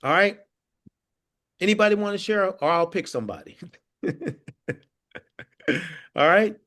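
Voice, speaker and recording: A man's voice: high voice, animated, measured pace, pushed and bright. A man leading an interactive online training session on a video call. He tells stories with frequent laughs and questions to his audience. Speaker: workforce trainer.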